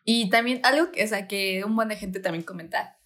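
A young woman, co-hosting a casual podcast chat in a relaxed way, sprinkling in English slang. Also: medium pitch, fairly quick. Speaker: podcast co-host.

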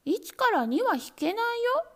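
A woman doing shrill clever little kittens. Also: very animated, heavily acted. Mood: gleeful. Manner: shrill, quick, shouting in chorus. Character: clever greedy kittens, small and boisterous. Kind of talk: storybook reading.

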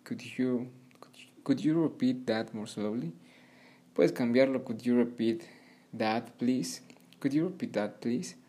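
A man hosting a podcast language lesson, patiently repeating English phrases slowly for beginners. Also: medium pitch, dark tone. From Mexico. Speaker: podcast host and English teacher.

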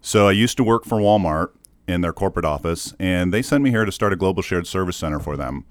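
Speaking fast and expressively in a deep voice, this podcast guest is a Dutch-born man in his forties who leads corporate communications and grew up with Dutch as his first language. His talk in the casual interview is thoughtful and rambling, full of restarts. There's no echo on the recording.

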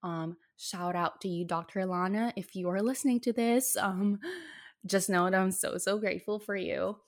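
A woman's voice: mid-range voice, normal speed. A young woman casually telling a personal story in an earnest, emotional way, with lots of fillers. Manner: earnest, emotional, speaks in bursts with many fillers. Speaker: storyteller sharing a health journey.

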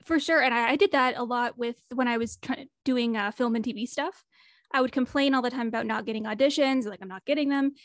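A woman's voice: a little high, a little fast, no echo, clean studio sound. A woman talking as a podcast guest in a casual interview, reflective and earnest, her voice a bit worn as she is losing it. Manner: reflective, earnest, thinks aloud.

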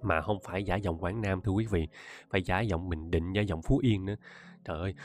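A man's voice: sits low, brisk, faint music behind. A man with a Southern Vietnamese accent, an audiobook narrator talking casually to his listeners, often laughing and addressing them directly. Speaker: audiobook narrator and podcast host.

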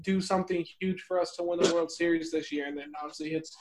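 A man's voice: a little high, fairly even intonation, fast talker, noisy background. A man co-hosting a sports podcast, telling a story in an earnest, hesitant way with many fillers. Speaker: podcast co-host. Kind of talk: casual podcast chat.

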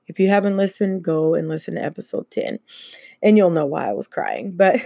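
A woman's voice: lowish voice, animated, fairly quick, gravelly, dark tone, no echo, studio quality. A woman hosting her own podcast, talking casually and laughing often between many fillers. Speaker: podcast host. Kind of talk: casual solo podcast chat.

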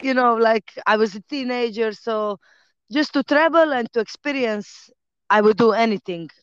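A Croatian woman in her thirties, a professional fighter and trainer, chats casually as a podcast guest in a Croatian accent. She's relaxed, laughs easily, and pauses often on "uh" in English. Her voice sits on the high side with a clean tone, though the audio is dull, with no room sound.

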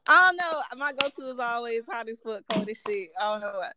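Playful high-voiced woman podcast co-host. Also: animated, a little fast, heavy background noise. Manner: laughs a lot, slangy and playful. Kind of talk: casual chat.

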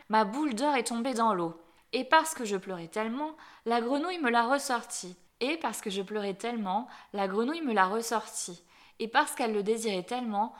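A woman voicing a spoiled young princess in a fairy tale, speaking in a fretful, excited way. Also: fairly high pitch, lightly acted.

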